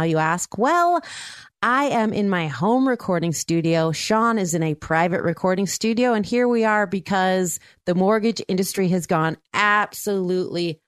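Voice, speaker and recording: A woman's voice: mid-range voice, no room sound. A woman hosting a mortgage radio show from her home studio, chipper and chatty. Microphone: studio mic.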